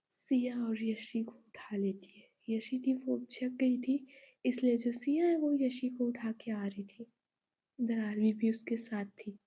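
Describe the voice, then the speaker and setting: Breathy, husky woman narrating a story. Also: high-pitched, dark tone. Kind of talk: scripted narration of a serialized love story.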